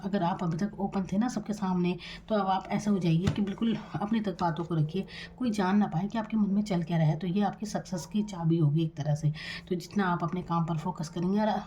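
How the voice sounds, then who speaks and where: Soft-spoken woman giving a tarot reading. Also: lowish voice, a little hiss or hum. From India. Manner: soft-spoken, deliberately quiet; calm, reassuring, addresses the viewer directly. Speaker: tarot reader.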